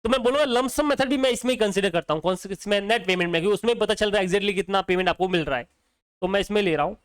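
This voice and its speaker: A man's voice: high-pitched, rapid-fire, clear, resonant tone, no room sound. A male accounting teacher, lecturing casually and quizzing students with repeated questions. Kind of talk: exam-prep lecture.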